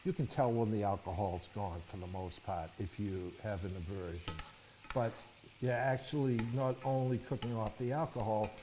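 A man's voice: on the low side, moderate pace, background noise. A middle-aged man, a chef, giving a cooking demonstration in a studio kitchen and explaining each step, often checking in with "okay?" and "all right?". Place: studio kitchen set, indoors.

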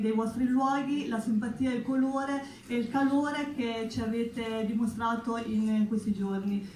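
A woman giving a formal thank-you speech as a visiting delegate, hesitating and restarting words. Her voice is slightly high, and it rings in an echoey hall with faint noise. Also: darkish tone.

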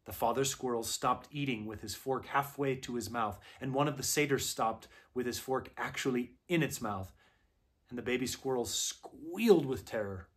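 A man reading a children's novel aloud in an unhurried, gentle storytelling voice. His pitch sits in an ordinary middle range, and the measured pace keeps the scenes easy to follow. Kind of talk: unhurried read-aloud narration.

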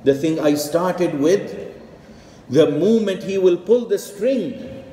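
A man's voice: sits high, animated, takes it slowly, dark tone. A middle-aged man from Pakistan, preaching an earnest, emphatic sermon as an imam on a headset mic. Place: mosque prayer hall, indoors. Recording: echoey hall with long reverb.

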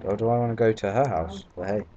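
Talking fast in a lowish, mellow voice, a British let's-play commentator rambles through his gameplay with plenty of fillers and swearing. The mic sounds dull and lo-fi, and there is faint background noise.

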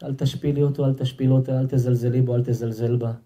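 Dark-voiced rabbi giving an emphatic sermon. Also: male voice, mid-range voice, flat delivery. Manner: emphatic, repeats himself, talks directly to the audience. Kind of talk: sermon at a house-warming gathering. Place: home gathering with an audience.

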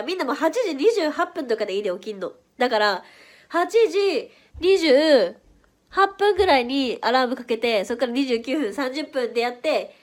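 A young-sounding woman with a Kansai accent chats on a casual livestream, her voice pitched high and a little stuffy from hay fever. She reacts to viewers quickly and playfully. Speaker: idol livestream host. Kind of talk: casual livestream chat reading viewer comments.

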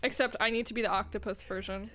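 A young woman streaming a shooter game, chatting casually, swearing and getting excited about plays. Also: medium pitch, fast. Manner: excitable, swears, laughs and gasps often. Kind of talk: casual gaming chat.

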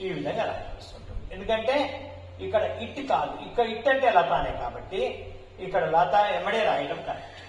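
A man with a fairly high voice teaches a step-by-step grammar lesson, dictating example sentences slowly, word by word. The sound is roomy and echoey, with a faint hiss underneath. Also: lively intonation. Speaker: English teacher.

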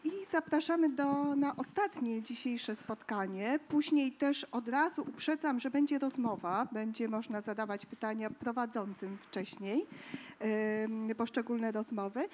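A woman's voice: a little high, a little slow, darkish tone, slight background noise. A woman moderating a panel discussion, making formal introductions with hesitant fillers.

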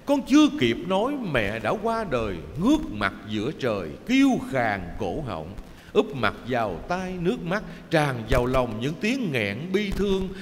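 A man voicing a grieving young son who pleads slowly and tearfully. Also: medium pitch, huge pitch swings, big-room sound, a little hiss or hum. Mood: anguished. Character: grieving young son sobbing over his mother.

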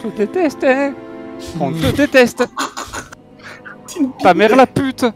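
Man as whiny creature talking back, high and shouty, childish, music underneath. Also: big pitch swings, slow pace. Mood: defiant. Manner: loud, childish, plaintive protests. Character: pitiful, defiant male Sméagol creature. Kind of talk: improvised film-scene acting.

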